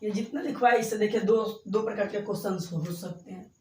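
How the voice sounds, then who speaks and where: A man teaching a school exam lesson at a board, explaining slowly and repeating himself, drawing out single sounds to demonstrate them. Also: sits high. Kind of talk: blackboard lesson for school exams. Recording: echoey room, voice far from the mic.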